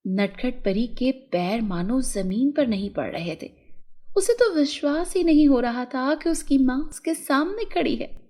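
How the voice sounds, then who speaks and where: Slow, lively-pitched woman storyteller. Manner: slow, expressive storybook reading. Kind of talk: scripted narration of a children's story.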